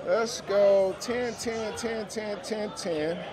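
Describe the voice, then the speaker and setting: A man with a high voice speaks slowly as he gambles on a busy indoor casino floor, where music and crowd chatter fill the air. Vlogging for viewers, he gives loose, slangy play-by-play and keeps repeating numbers and phrases.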